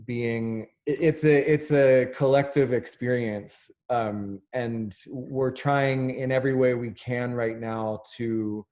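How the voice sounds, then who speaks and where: A man moderating an artist talkback over a video call, giving closing thanks in an unhurried way with many fillers. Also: mid-range voice, steady tone, darkish tone. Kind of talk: closing remarks in a video chat.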